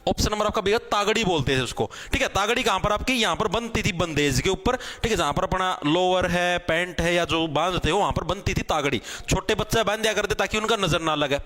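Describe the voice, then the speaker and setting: Teaching a general knowledge exam class, a man with a Haryanvi accent speaks in a high, slightly bright voice, fairly quickly and with hardly any pauses. He repeats his points, calls the students "bhai," and keeps checking with "theek hai" whether they've understood, showing cloth samples as he explains.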